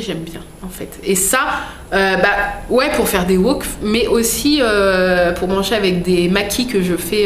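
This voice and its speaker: A woman vlogger chatting casually as she unboxes products, reading labels aloud with many fillers. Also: medium pitch. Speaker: vlogger unboxing a food box. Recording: echoey room with faint noise.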